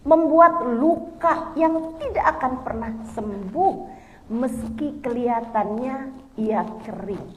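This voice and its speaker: A middle-aged woman preacher giving a lively, conversational religious lecture to women, often acting out bits of dialogue. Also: a little high, slow pace, a little hiss or hum. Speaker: Islamic preacher.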